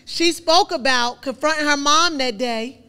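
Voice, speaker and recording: A woman's voice: high voice, unhurried, sharp tone. A woman hosting a live podcast, upbeat and calling on audience members for questions. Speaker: podcast host.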